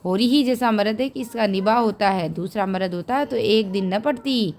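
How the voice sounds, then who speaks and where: A woman's voice: mid-range voice, moderate pace, a little mellow, slight background noise, natural voice. Gossipy village shopkeeper woman, needling, read by a woman; storybook reading.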